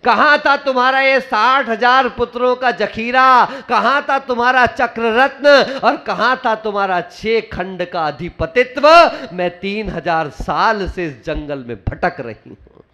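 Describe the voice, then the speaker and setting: A man's voice: extremely high pitch, measured pace, pushed and bright, exaggerated voice. A man voicing a solemn dying princess. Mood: solemn pleading. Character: dying young princess, calm and renouncing.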